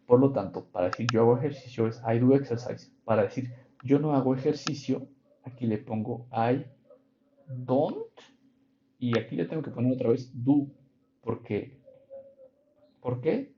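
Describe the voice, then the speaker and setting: A man's voice: mid-range voice, normal speed, long pauses, warm tone. A man teaching English grammar in an online class, patiently explaining and checking in with his students. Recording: dull lo-fi online class audio.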